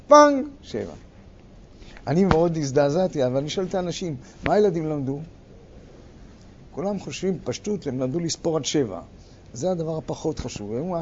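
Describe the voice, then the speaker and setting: An older man leading a workshop, lecturing a group and acting out quarrels in sharp, loud bursts. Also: on the high side. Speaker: workshop leader. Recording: muffled recording with faint background noise.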